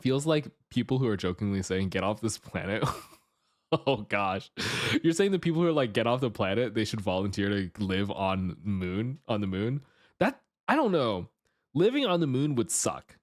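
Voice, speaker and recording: A man hosting a livestream with casual chat and commentary, jumping from excitable exclamations to low asides. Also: moderate pace, dry recording, studio quality. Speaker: livestreamer and host.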